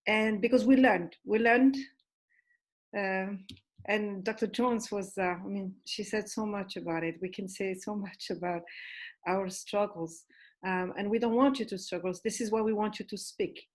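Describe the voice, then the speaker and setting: A woman from Algeria speaks earnestly in a husky voice. She talks in halting phrases that often repeat, moderating a casual discussion. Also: medium pitch, poor audio. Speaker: panel moderator.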